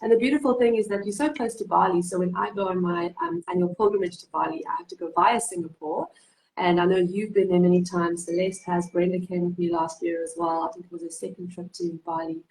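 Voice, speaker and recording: A woman from South Africa hosting a live online interview, speaking gently with soft guiding prompts and frequent hums. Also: lowish voice, steady tone, fast, rough recording. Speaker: host, cacao facilitator.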